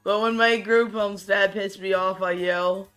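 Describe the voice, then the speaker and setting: This is a gamer streaming and chatting in a casual, rambling way, frequently restarting what he says. The voice is raspy and monotone, tired and understated, delivered at a measured pace with quiet background music.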